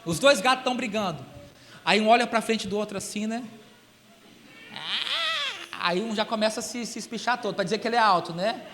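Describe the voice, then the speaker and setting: A Brazilian man preaching a sermon in a church, emphatic and animated, swinging between loud emphasis and quiet asides. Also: sits high, fairly quick, long pauses, big-room sound, a little hiss or hum. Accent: Brazilian Portuguese. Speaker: guest preacher. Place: large church hall.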